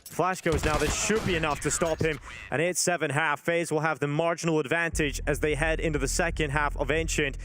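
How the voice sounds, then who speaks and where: A man's voice: on the high side, fairly even intonation, fairly quick, fairly bright tone. Male esports caster over noisy gunfire. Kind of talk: esports match commentary.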